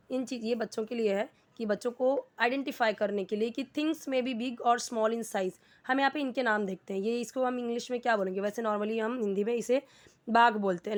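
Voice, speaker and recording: A woman teaching beginners. Her voice sits a little high, and she poses questions and then answers them herself. She speaks patiently and explains each step. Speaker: English teacher. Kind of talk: explaining a lesson.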